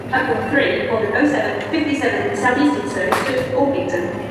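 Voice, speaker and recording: A woman in a recorded station announcement, heard over public loudspeakers, formal and measured. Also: high voice, recorded from a distance, background noise. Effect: station public address announcement over loudspeakers. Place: railway station platform. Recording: echoey loudspeaker on a platform heard from afar. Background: station ambience.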